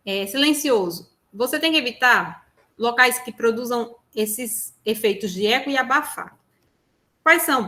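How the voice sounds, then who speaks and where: A Brazilian woman gives an online workshop from home, talking into a lapel mic. Her voice sits a little high and sounds bright and clear. She explains things in a chatty way and keeps checking in with tag questions. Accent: Brazilian Portuguese. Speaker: workshop presenter. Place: room at home. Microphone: lapel mic on a phone.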